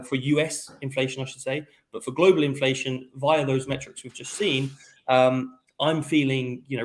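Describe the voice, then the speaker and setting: A man co-hosting a live crypto stream, giving casual market commentary over a remote call, hesitant and full of fillers. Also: medium pitch. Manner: hesitant, many fillers and restarts. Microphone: remote call connection.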